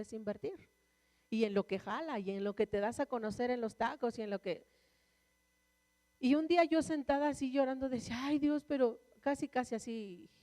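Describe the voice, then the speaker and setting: A woman's voice: fairly high pitch, mellow. A woman preaching a sermon and sharing a personal testimony in an earnest, conversational way. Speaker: church speaker. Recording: long reverb of a large hall.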